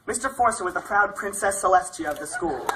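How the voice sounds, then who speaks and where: Bright-voiced young adult giving a graduation speech. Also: mid-range voice, animated, brisk, a little hiss or hum, low-quality recording. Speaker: graduating student speaker.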